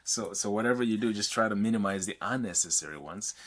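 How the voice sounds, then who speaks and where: A podcast host who grew up in Mozambique and isn't a native English speaker conducts an interview casually and haltingly, restarting often. His voice is fairly low in pitch with a fairly bright tone.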